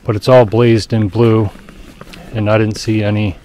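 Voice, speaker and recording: A man narrating his own hike on a snowy forest trail, describing the route in a relaxed, matter-of-fact way. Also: fairly low pitch, a little slow, slight background noise. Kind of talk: casual hiking vlog narration.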